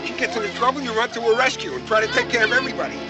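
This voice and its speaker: A man's voice: very high-pitched, fairly even intonation, rapid-fire, loud music behind the voice. An actor playing a middle-aged male camp owner in a 1980s horror film, who sounds hesitant and then accusing.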